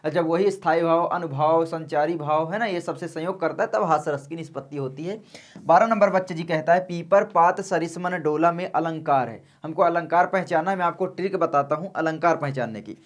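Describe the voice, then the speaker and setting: Male tutor, calm and unhurried, soft-spoken, repeats key points for students. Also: a little high. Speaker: teacher. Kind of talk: exam-prep lesson.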